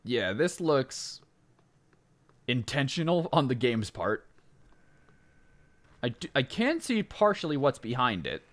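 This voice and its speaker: A man casually commenting on his gameplay in a rambling way, full of fillers and self-interruptions, jumping up in pitch when excited. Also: slow pace, pauses often. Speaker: let's play gamer.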